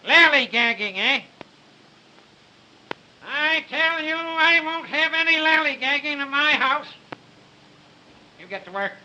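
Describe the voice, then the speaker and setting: A noisy early talkie film track carries a crotchety old man. His voice is high and piercingly sharp, and he grumbles his orders slowly and bossily, repeating himself. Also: lively intonation, highs cut off. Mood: irritated, bossy. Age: older. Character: crotchety, domineering old man, master of the house. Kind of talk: early talkie film acting, stagy and declamatory.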